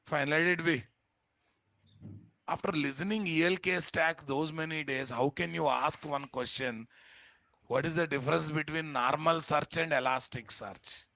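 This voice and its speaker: Gravelly Telugu-accented man teaching. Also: on the high side, moderate pace, pushed and bright, poor audio. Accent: Telugu Indian. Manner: blunt, scolding, repeats himself with rhetorical tag questions. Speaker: software instructor. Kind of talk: live online class, informal lecturing. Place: indoors at a computer, live screen-share class.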